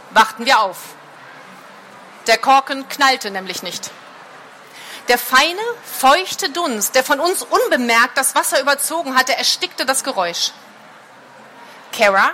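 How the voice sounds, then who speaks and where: Woman reader, dramatic book reading, bright high voice, faint hiss behind. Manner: expressive, dramatic narration.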